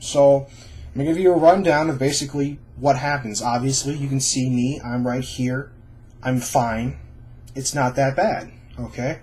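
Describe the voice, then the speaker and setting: A man's voice: medium pitch, steady tone, moderate pace, darkish tone, breathy edge. A young adult man talking informally and reassuringly to camera, explaining things in a casual vlog style. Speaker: vlogger sharing own surgery experience.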